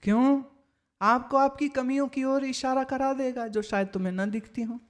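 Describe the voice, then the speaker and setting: A woman spiritual teacher giving a discourse, telling anecdotes in a lively way and acting out what other people said. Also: sits high, normal speed. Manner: lively storytelling, acts out other people's remarks.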